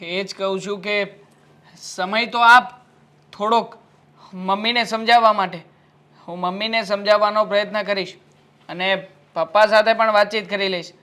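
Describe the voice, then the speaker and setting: A man acting as a husband caught between his wife and his mother, speaking in a calm, placating way. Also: high-pitched, normal speed, long pauses, smooth.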